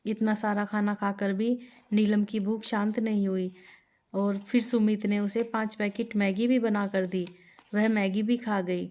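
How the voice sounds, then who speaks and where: A woman narrating a moral story in a steady, plain storytelling manner. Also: medium pitch, measured pace.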